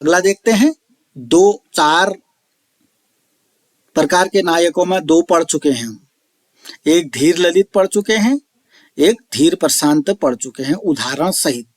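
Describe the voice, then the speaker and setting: Guy teaching an online class real slow, repeats every word he explains, dry close mic. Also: a little high, animated, no room sound. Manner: slow, repeats and explains each term, recites verse lines drawn out. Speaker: Sanskrit teacher. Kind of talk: online lecture explaining verses.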